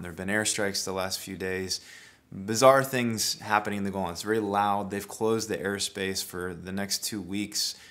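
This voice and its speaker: A man's voice: on the low side, fairly bright tone. A middle-aged American man giving an earnest, emphatic spoken teaching, often restarting his phrases. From United States. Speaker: Bible teacher.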